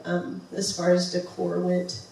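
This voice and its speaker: A woman presents a travel slideshow in a museum presentation room, talking casually and enthusiastically with lots of ums and restarts. Her voice is lowish, creaky and a little mellow, with a completely flat, unhurried delivery. A distant mic in a very echoey room picks her up, with slight background noise.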